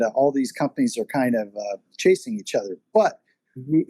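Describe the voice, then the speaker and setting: A man's voice: mid-range voice, warm tone, dry recording. A man hosting a casual interview conversation, rambling along with many fillers. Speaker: podcast host and magazine editor.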